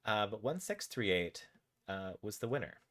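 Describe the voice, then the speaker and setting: A man's voice: on the low side, sing-song, normal speed, fairly bright tone. A man streaming live, reading his interactive fiction story aloud in a laid-back way, with casual asides about the poll results. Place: home streaming setup.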